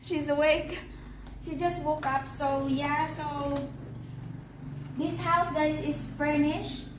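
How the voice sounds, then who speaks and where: This is a house-tour vlog by a woman from the Philippines, whose high voice stays steady in tone though slightly hoarse, with some throat clearing. Walking around the patio and indoors, she chats in a halting way and repeats herself; the mic is distant, with echo and background noise.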